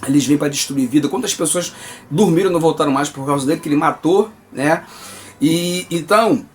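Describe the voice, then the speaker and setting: Brazilian man, religious testimony, emphatic and earnest, slightly high pitch. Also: brisk, slight background noise. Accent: Brazilian Portuguese. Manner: earnest and emphatic, addresses listeners as brother.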